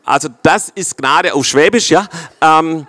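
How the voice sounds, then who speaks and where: Swabian-accented male preacher in his forties, fairly high voice, lively, dry close sound. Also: a little slow, dry recording. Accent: Swabian German. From Swabia, Germany. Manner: lively, keeps checking in with the congregation. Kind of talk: sermon.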